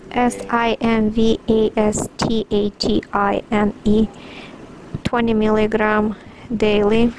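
A woman doctor dictates a clinical letter in a slow, flat, deliberate voice, saying every period and paragraph aloud and spelling drug names letter by letter. Her voice sits a little high and barely rises or falls. A busy crowd murmurs clearly in the background. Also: poor audio. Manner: measured, deliberate. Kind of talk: medical dictation.

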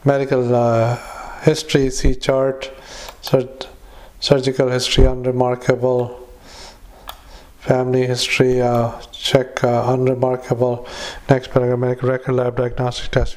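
A male clinician dictating clinical notes into a dictaphone recorder, halting with many filler sounds. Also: mid-range voice, completely flat delivery, a little mellow. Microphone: handheld dictation recorder.

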